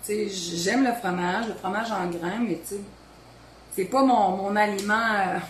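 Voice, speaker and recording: A woman's voice: medium pitch, fairly even intonation, moderate pace, slight background noise. Chatty Quebec woman in an echoey kitchen. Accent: Beauce Quebec French. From Quebec, Beauce region. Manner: chatty, rambling, talks to family off camera. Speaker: home cooking vlogger. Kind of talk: casual kitchen chat. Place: home kitchen.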